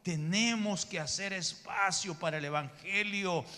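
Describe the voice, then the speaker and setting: A man's voice: high voice, unhurried, pushed and bright, in a large hall. A male pastor preaching a sermon in church, emphatic, calling his listeners brother and acting out the people in his stories. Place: church sanctuary.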